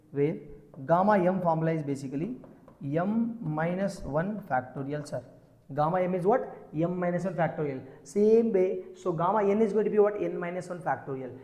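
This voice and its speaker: A man's voice: high-pitched, darkish tone. A man with a Telugu accent teaching an exam maths lesson step by step, often checking with the class through short questions. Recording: echoey, reverberant room.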